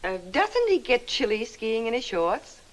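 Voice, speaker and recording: A woman's voice: fairly high pitch, sing-song, measured pace, poor audio. A middle-aged actress playing a motherly, knowing American wife with a dry manner, in 1960s film acting.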